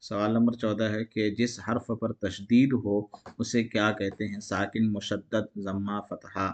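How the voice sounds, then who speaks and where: A man's voice: fairly low pitch, flat delivery, a little slow. A man teaching an exam-prep grammar lesson, asking each question aloud and answering it himself in a repetitive call-and-response way.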